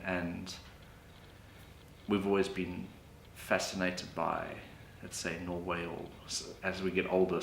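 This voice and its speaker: A man, answering interview questions in a relaxed way, correcting himself now and then. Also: low-pitched, gravelly. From South Africa. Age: late 30s. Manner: relaxed, with fillers and self-corrections. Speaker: author and freelance economist. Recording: echoey room with background noise.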